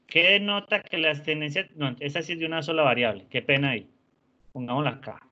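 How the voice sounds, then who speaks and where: A male teacher gives an online lesson in a bright, fairly high voice. He is patient and encouraging and keeps softening his words with diminutives. The sound is dull and lo-fi. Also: brisk. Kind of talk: online class lecture.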